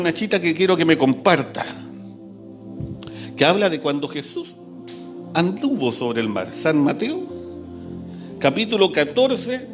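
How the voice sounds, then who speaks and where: A male preacher delivers a sermon in a church, reading scripture aloud and joking with his listeners. His voice sits high and swings widely in pitch as he speaks. Soft music plays faintly behind him. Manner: animated, reads scripture aloud and jokes with the congregation.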